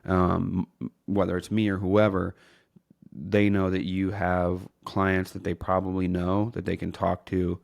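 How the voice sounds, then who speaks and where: A man's voice: deep voice, completely flat delivery, a little slow, vocal fry, dry recording, studio quality. A male podcast host chatting casually, blunt and frank, who swears in passing.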